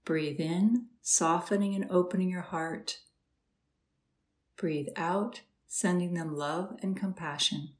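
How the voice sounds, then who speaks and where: Speaking softly and at an unhurried pace, a woman with a slightly low voice guides a meditation. Her instructions are soothing, separated by quiet, calm pauses.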